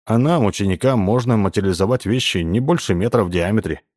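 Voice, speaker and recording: A man voicing a polite, modest young male hypnotist in a read-aloud story, speaking softly and courteously. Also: lowish voice, fast, dry recording, clean studio sound, natural voice. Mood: gentle. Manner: soft-spoken, courteous.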